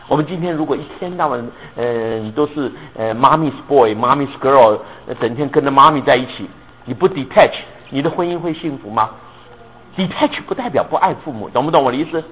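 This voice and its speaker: Male pastor, animated sermon storyteller, slightly raised pitch, drops in English words. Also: lo-fi sound. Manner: animated, often checks if listeners understand; mixes English words into his speech.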